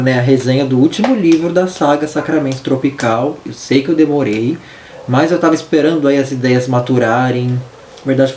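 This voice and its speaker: A Brazilian man reviews a book in a loose, chatty way. His voice is mellow and relaxed, with a lisp and hissing sibilants from talking with braces. He sounds some way from the mic in an echoey room, with faint noise. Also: mid-range voice. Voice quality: lisping, hissy sibilants from wearing dental braces. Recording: roomy echo, distant mic, faint noise.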